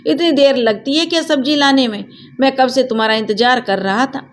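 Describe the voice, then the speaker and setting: Lady doing a gruff young village guy, scolds a lot but cares, bit high voice. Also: a little fast, close to an everyday voice. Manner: brusque, scolding.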